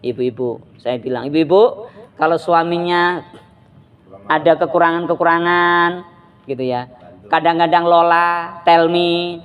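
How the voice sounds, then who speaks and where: A man's voice: a little high, fairly even intonation, a little slow, pauses often, clear, resonant tone, dull audio. A man giving a casual sermon at a neighborhood gathering, chatting with listeners and laughing often. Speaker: preacher. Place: community gathering room.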